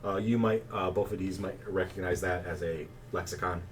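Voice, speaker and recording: A man running a tabletop game as game master, narrating in a relaxed, chatty way with plenty of fillers. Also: low-pitched, normal speed. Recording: distant mic, faint background noise.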